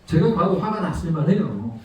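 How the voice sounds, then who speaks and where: A man's voice: on the high side, sing-song, moderate pace, slight background noise. A middle-aged man preaching a sermon as a guest missionary. He tells a personal story and puts rhetorical questions to the congregation. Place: church sanctuary. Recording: echoey church hall from far off.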